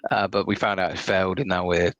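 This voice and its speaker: A man's voice: deep voice, flat delivery, fast, fairly bright tone, no room sound, muffled recording. A man with an English West Country accent chatting casually as co-host of a gaming podcast, recorded on a phone. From Somerset, England. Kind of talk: casual chat.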